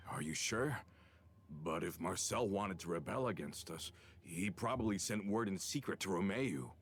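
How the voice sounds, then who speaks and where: Very deep-voiced loyal veteran henchman. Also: animated, moderate pace, breathy edge, full character voice. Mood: grave explaining. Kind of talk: video game voice acting.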